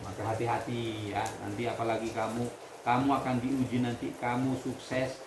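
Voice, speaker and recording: A man leading a religious lesson for students, reading Arabic text, explaining it and quizzing his class in a lively way. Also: mid-range voice, moderate pace. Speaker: pesantren leader teaching students. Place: hall at a pesantren. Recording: echoey room with background noise.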